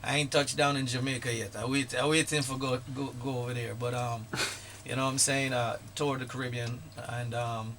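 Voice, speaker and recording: A man from Guyana, a guest artist talking casually in a radio interview, laid-back and quick to laugh. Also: mid-range voice, level tone, fairly bright tone, a little hiss or hum. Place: radio studio.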